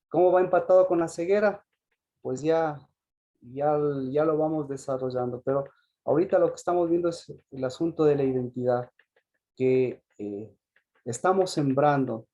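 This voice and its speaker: A man's voice: a little high, warm tone. A man preaching a sermon, often repeating and restarting phrases and asking the congregation rhetorical questions.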